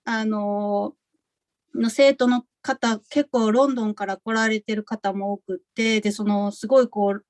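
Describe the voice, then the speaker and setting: A woman's voice: mid-range voice, darkish tone. A woman on a webinar panel chatting candidly about accents in her class, laughing easily. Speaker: MBA student panelist. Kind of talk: casual webinar Q&A answer.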